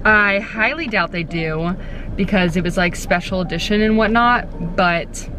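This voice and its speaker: Speaking unhurriedly in a mid-range voice, a young Texan book vlogger gushes to her phone camera from a parked car, saying "like" again and again. The phone is at arm's length, soft music runs beneath her, and there's background noise.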